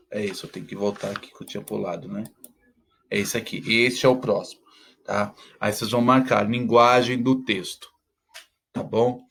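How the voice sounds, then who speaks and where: A man teaching, talking students through school exercises step by step and checking in with "tá?" after nearly every phrase. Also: mid-range voice. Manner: checks in constantly with "tá?".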